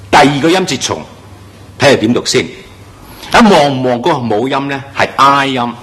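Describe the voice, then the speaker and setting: This is a classroom-type pronunciation lesson from a man who teaches English. He speaks emphatically with a varied, animated pitch and draws out the example words.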